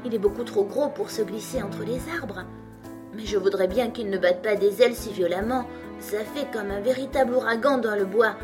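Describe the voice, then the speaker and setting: A woman's voice: medium pitch, moderate pace, music in the background, lightly acted. A woman voicing Alice, a curious and polite little girl, in a storybook reading, speaking in a raised, eager voice. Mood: wondering.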